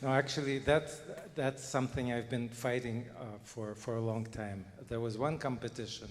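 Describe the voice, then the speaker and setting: A man of medium pitch speaks as a panelist at a forum. His delivery is candid and deliberate, with halting pauses. The hall adds a long reverb to his voice. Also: fairly even intonation, a little hiss or hum. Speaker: piano professor on a panel. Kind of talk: candid spoken answer at a forum.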